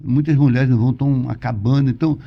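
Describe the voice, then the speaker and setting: A man's voice: medium pitch, quick pace, creaky. A Brazilian man, a pastor, preaching conversationally and emphatically, repeating points and asking rhetorical questions. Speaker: pastor, podcast guest. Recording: dull lo-fi audio.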